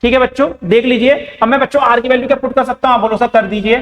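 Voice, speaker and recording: High-voiced man teaching math in an echoey room. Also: steady tone, racing, muffled recording. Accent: Indian. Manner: asks the class questions and answers them himself. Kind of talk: board-exam math lesson. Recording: echoey room with long reverb.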